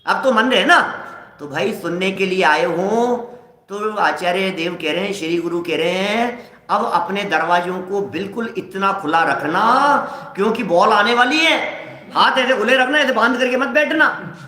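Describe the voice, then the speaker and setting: High bright-voiced man giving a sermon. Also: normal speed, roomy sound. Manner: rhetorical questions and acted-out everyday examples. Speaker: scripture lecturer. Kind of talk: religious discourse to a live audience.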